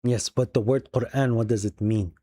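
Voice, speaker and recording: A man hosting a religious debate, who argues in a pointed, measured way, step by step. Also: medium pitch, steady tone, dark tone, husky, dry recording. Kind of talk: heated debate.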